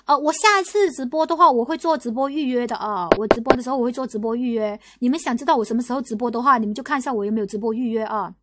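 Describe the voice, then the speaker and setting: Fast, high-voiced woman ranting on a livestream. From Guangdong, China. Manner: rapid, repetitive, argumentative, lots of restarts and rhetorical questions. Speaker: livestream host. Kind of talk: casual livestream commentary.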